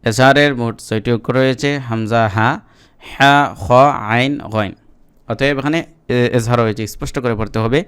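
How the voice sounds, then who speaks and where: A man teaching Quran reading, chanting verses slowly and then explaining the rules in quick Bengali. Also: medium pitch, a bit bright, clean tone. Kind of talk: spelling-out lesson with recitation.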